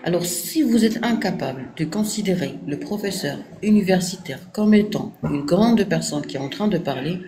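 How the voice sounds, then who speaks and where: A woman's voice: on the low side, animated, normal speed, hardly any pauses, warm tone, slight background noise. A woman with a Moroccan French accent, a university lecturer giving a stern moralizing talk to students and repeating her points for emphasis.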